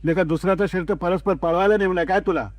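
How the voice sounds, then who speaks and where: A man's voice: high-pitched, steady tone, fast talker, dry recording, lightly acted. A man voicing an indignant film director who scolds his washerman. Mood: exasperated. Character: exasperated male film director.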